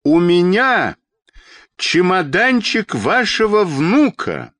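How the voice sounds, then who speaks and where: A well-meaning children's doctor at his wits' end, as a man reading a storybook plays him. He shouts his pleas in a raised, strained voice with big rises and falls. The recording is close and dry. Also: high-pitched, wildly swooping pitch, slow, dry recording, voice pushed up, exaggerated voice. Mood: desperate. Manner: shouting, pleading.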